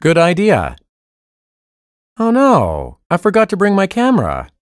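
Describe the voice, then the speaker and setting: Lively man reading test dialogues. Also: high-pitched, a little slow, no echo. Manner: clear, evenly paced read-aloud delivery. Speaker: listening test voice actor. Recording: dry studio recording.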